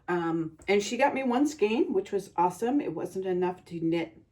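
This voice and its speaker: A woman hosting her own podcast, chatting in an unhurried way with frequent ums and pauses, recorded on a phone. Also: mid-range voice, lively intonation, dark tone, no echo. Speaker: podcast host. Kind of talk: casual chat.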